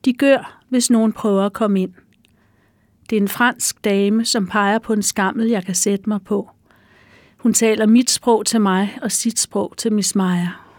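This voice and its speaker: A woman author reading a passage from her own novel in a soft, measured way. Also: mid-range voice, dry recording, studio quality.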